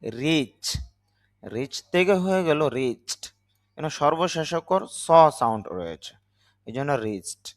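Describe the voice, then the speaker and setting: A man's voice: fairly high pitch, very animated, measured pace, no echo, studio quality. A man with a Bangladeshi Bengali accent, an English teacher, patiently explaining grammar rules step by step.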